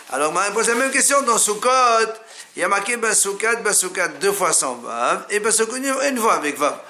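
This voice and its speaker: A man's voice: high voice, sharp tone. A man teaching a Talmud class in French, explaining each step and repeating key words as he addresses the listener directly. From France.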